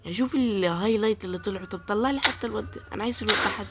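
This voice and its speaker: A gaming YouTuber speaking with an Egyptian Arabic accent rattles off live commentary, pleading and complaining about her luck as each pack opens. Her medium-pitched voice comes rapid-fire, with loud music behind it.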